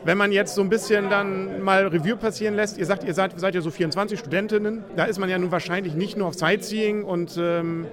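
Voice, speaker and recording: A man's voice: high-pitched, fairly even intonation, a little fast, hardly any pauses. A man hosting a radio podcast, asking chatty, jokey questions in a street interview. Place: outdoors in a busy city. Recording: crowd noise behind. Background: crowd.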